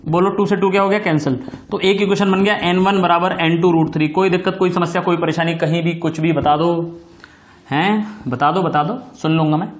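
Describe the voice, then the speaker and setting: A man teaching a physics lesson, his voice sitting high for a man. He walks through each step, repeats the key points and checks again and again that his students follow. The sound is roomy and echoey, like a classroom. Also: steady tone, fairly quick. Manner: affectionate address to students. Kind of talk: recorded classroom lecture.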